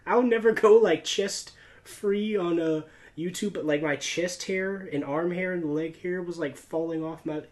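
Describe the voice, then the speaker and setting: With a high voice, a darkish tone and a slightly slow pace, an American man chats and shares personal stories. He's a YouTuber and podcast host whose talk rambles and leans on slang like "like," "dude" and "bro."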